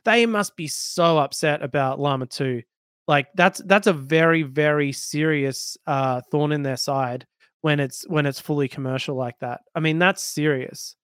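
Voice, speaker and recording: A man co-hosting a tech podcast, chatting casually and laughing easily. His voice is smooth and resonant and sits a little high for a man. The sound is close and dry, with no room around it. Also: no echo. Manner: animated, quick to laugh. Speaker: podcast co-host.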